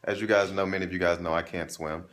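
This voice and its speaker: Fast-talking animated male storyteller. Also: sits low. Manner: animated, acts out quotes in a raised voice. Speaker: travel vlog co-host. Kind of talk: casual storytelling.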